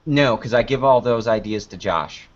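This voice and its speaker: Interviewed about his online videos, a man chats in a casual, unscripted way, rambling and joking at his own expense. His voice is mid-range at a moderate pace, and the recording is muffled.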